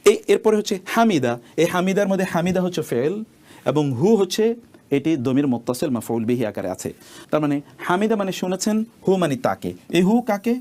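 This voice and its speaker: A man's voice: fairly high pitch, a little mellow. A man teaching pronunciation and grammar, breaking words apart and asking and answering his own questions. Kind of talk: grammar lesson.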